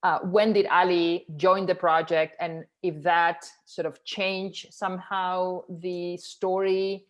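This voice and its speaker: A woman moderating a film festival Q&A over a video call, her voice a little low. She speaks very slowly and hesitantly, pausing on many ums and uhs. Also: level tone. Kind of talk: festival Q&A conversation.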